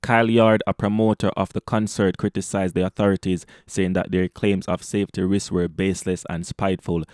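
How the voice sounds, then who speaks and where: A man narrating an entertainment news report, explaining events in a steady, explanatory way. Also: low voice, a little fast, no room sound, clean studio sound. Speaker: news commentator.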